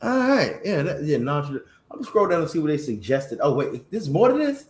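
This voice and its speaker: A man hosting a casual chat, animated and playful, reading greeting-card lines aloud, with a slight cough. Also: fairly high pitch, fairly quick, reverberant, a little hiss or hum. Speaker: podcast host.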